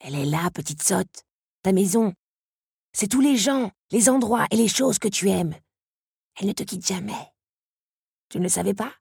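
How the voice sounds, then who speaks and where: A woman voicing a brisk, scolding male beetle. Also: medium pitch, lively intonation, gravelly, a little mellow, husky, dry recording, clean studio sound, voice pushed up, exaggerated voice. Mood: tender scolding. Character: talking giant beetle, male, wise and gruff. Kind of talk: audiobook reading.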